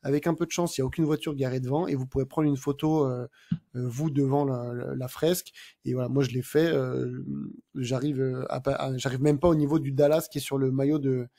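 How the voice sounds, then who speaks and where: A man with a dark, mellow voice talking through a podcast segment. His delivery is casual and unpolished, with frequent pauses and restarts. He sounds like a co-host chatting with friends rather than reading a script. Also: medium pitch, fairly even intonation. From France. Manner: hesitant, many filler sounds and restarts while describing places.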